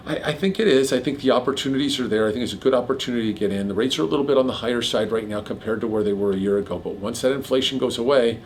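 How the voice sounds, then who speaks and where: Man, middle-aged, mortgage host, rapid speech, jokey, faint background noise. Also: mid-range voice, darkish tone. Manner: rapid, jokey, piles on figures. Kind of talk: casual explanatory chat.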